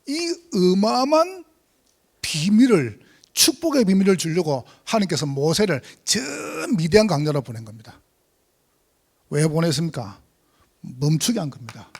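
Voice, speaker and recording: A male pastor delivers a sermon in a high, very animated voice that leaps up and down in pitch. He is emphatic and swings from loud calls to hushed asides. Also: husky.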